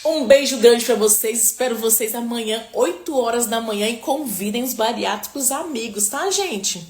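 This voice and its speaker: In an echoey room, a female nutritionist talks chattily on a live stream, responding to viewers, offering religious blessings, and ending many lines with "tá?" or "né?". She speaks at a normal pace with a fairly high yet darkish voice.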